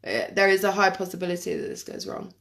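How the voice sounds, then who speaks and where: Lady doing her makeup live, chatty, jokes at herself, mid-pitched voice. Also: monotone, fast talker, a bit bright. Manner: chatty and self-deprecating, laughs often. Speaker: makeup vlogger. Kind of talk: casual live makeup tutorial.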